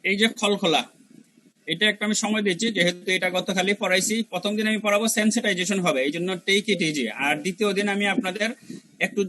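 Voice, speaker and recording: High, bright-voiced man teaching recitation. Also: steady tone, poor audio. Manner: demonstrates syllables by repeating them slowly; colloquial, mixes in English words. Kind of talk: online review class teaching Arabic letter pronunciation.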